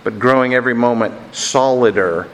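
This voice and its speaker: A male preacher reads a long story passage aloud during a sermon. His storytelling is earnest and deliberate. His voice sits at an ordinary middle pitch, and a long reverb from a large hall trails each line. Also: a bit bright, a little hiss or hum.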